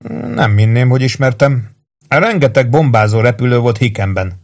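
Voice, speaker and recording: A man's voice: medium pitch, expressive, creaky, a little mellow. A man reading aloud and voicing a boyish young air officer who speaks in a mournful, apologetic way. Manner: sheepish, mournful.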